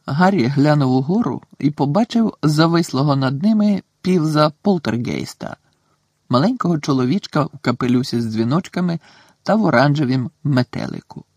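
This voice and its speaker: A man's voice: on the high side, expressive, moderate pace, darkish tone, slightly rough, no echo. Man narrating a storybook. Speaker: audiobook narrator.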